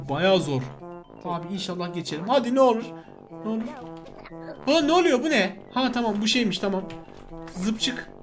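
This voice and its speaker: A young man commentating his mobile game live, animated and loud, chanting repeated words and yelling at other players. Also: extremely high pitch. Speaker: gaming channel host.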